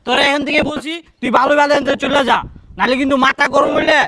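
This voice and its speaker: A man voices a greedy office manager in a short-film drama, speaking in a with sneering, threatening scorn. The voice sits high and bright and comes out quick. The sound is dry and close. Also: steady tone.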